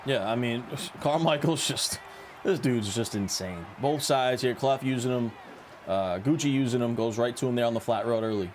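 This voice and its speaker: A man's voice: mid-range voice, normal speed, darkish tone, slight background noise. A man doing live esports color commentary, analytically breaking down plays and coverage adjustments.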